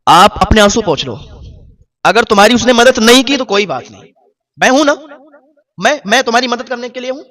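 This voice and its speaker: A man's voice: very high-pitched, animated, long pauses. A preacher voicing a kind, reassuring rich man. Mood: consoling. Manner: warm, reassuring, earnest. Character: kind, wealthy man consoling a stranger. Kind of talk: sermon storytelling.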